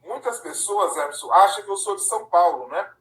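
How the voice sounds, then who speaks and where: A man's voice: sits high, animated, brisk, a bit bright, a little hiss or hum. Chatty man from Paraná, echoey and distant. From Paraná, Brazil. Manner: conversational, often ends with a tag question. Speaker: live-stream host and councilors' association president. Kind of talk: casual live-stream chat. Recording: echoey room, distant from mic.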